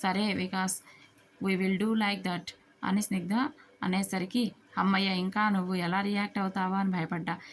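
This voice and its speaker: A woman narrates a family story at an even, everyday pitch. She gives every character's lines in her own voice and mixes English words into her sentences. Now and then she slips on a word and starts it again. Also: normal speed. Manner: reads dialogue of all characters in her own voice; occasional slips and restarts.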